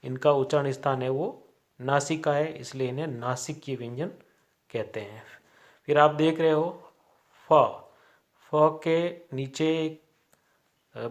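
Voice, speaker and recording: A man teaching grammar at a college, speaking deliberately, spelling out sounds one by one and filling pauses with "a". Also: fairly high pitch. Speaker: college Hindi lecturer. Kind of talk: classroom grammar lecture.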